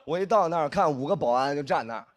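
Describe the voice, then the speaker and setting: A man performing a stand-up comedy set, telling a story in an animated way and acting out the dialogue. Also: on the high side, quick pace, background noise. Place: stage in front of a live audience.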